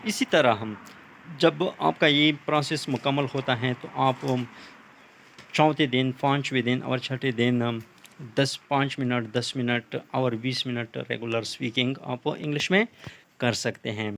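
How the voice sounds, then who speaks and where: Man, English teacher, explanatory lesson, repeats slow English phrases. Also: mid-range voice, fairly even intonation, fairly bright tone, slight background noise. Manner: repeats points in Urdu and slow English examples. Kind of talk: explaining English tips in Urdu.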